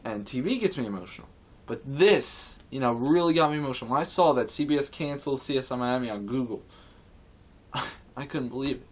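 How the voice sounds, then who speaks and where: Man, mid-pitched, casual rant to camera; rambling, repetitive, indignant and earnest. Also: expressive, a little fast. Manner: rambling, repetitive, with many restarts and fillers. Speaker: vlogger.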